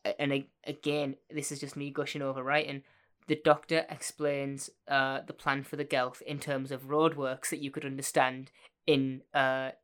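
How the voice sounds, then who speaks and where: A woman with a low-pitched yet cartoonish voice co-hosts a casual fan podcast. She is excitable and jokey, prone to gushing. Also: normal speed. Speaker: podcast co-host. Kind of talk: casual chat about a TV series.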